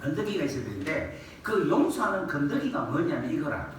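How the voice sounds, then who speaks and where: Male preacher, animated and colloquial, heard from afar in a reverberant sanctuary. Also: on the high side, brisk, slight background noise. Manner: lively, colloquial, asks the congregation questions and acts out quoted scolding. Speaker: guest revival preacher. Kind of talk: revival sermon with call and response. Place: church sanctuary. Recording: echoey church hall, distant mic.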